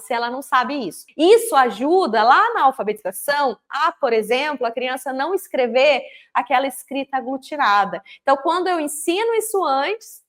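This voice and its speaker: A Brazilian woman with a noticeably high voice teaches fellow educators about early reading skills. She talks in an animated, explanatory way. She stretches out example words to sound them out clearly. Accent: Brazilian Portuguese. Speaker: literacy teacher trainer.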